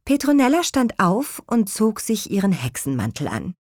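A woman narrating a children's audio story in a clear, even storytelling voice. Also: mid-range voice, moderate pace, no room sound, studio quality.

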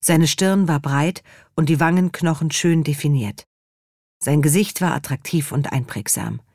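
A woman narrating an audiobook in a calm, even storytelling manner, close to a studio mic. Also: low-pitched, a little slow, no echo.

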